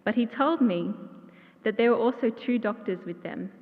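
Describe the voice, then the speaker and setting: A woman giving a memorial tribute in a church, telling warm stories with gentle humor. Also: a little high, moderate pace. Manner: heartfelt, gently humorous storytelling. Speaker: eulogy speaker. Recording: tinny, echoey church hall.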